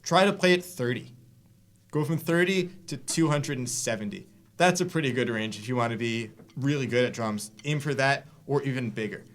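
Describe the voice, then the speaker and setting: Relaxed man teaching drums. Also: mid-range voice, moderate pace. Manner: relaxed, explains with fillers and restarts. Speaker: drum teacher. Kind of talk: casual instructional talk. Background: drum hits between lines.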